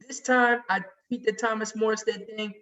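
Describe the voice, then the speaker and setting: A man's voice: high-pitched, steady tone, normal speed, sharp tone. Heated man, distant and muffled. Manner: emphatic, heated storytelling. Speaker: sports podcast regular. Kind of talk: casual chat.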